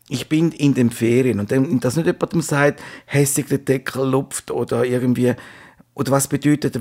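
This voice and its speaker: A man's voice: medium pitch, darkish tone. A man with a Swiss German accent, ranting and complaining in a casual podcast chat.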